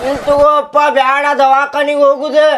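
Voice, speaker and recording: A man's voice: extremely high pitch, completely flat delivery, normal speed, fairly bright tone. A man playing a lazy schoolboy son who fakes illness, whining and pleading in a North Karnataka Kannada accent. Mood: whiny. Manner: whiny, pleading. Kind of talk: comedy sketch acting. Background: background music.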